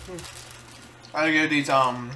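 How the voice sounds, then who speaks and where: A man doing a casual food-tasting vlog, halting and searching for words as he chews and talks. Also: on the high side, fairly even intonation, pushed and bright, slight background noise. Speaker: vlogger.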